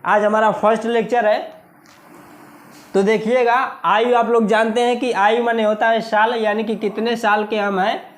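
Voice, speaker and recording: A man with an Indian accent teaching a maths lesson for exam preparation, repeating key words slowly and asking the class questions. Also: high-pitched, little pitch movement. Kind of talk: exam-prep video lesson.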